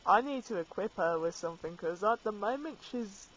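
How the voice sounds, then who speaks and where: A woman's voice: mid-range voice, animated, a little fast, muffled recording. A woman casually playing through a fantasy game, reading dialogue choices aloud in a dry manner. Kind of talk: let's play commentary.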